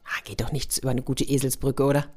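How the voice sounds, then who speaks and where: A middle-aged woman telling a children's story in a lively way, dropping into hushed whispers now and then. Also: extremely low pitch, fast talker, slightly rough.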